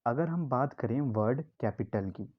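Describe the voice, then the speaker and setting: A man's voice: mid-range voice, animated. Dull-sounding male teacher explaining words. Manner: explains slowly, repeats key words, asks and answers his own questions. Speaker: English teacher. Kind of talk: classroom-style vocabulary lesson.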